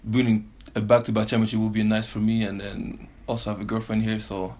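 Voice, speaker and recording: A relaxed man with a fairly low voice, guesting on a casual podcast. He grew up in Belgium and Canada and talks easily, breaking into laughter often. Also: fairly quick. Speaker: professional basketball player, guest. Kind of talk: casual interview.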